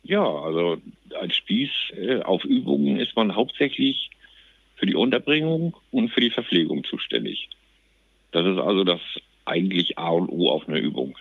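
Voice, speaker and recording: A man's voice: low-pitched, sing-song, normal speed, gravelly, slightly rough, no room sound, phone-quality sound. A man speaking as a sergeant major guest in an interview, colloquial and plain-spoken. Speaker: army company sergeant major, podcast guest. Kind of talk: casual interview talk.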